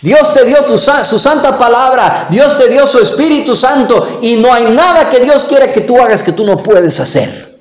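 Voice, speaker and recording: A man's voice: extremely high pitch, animated, moderate pace, reverberant. A man preaching a sermon as pastor. He reads scripture aloud, then turns to the listeners with emphatic, rising exhortations.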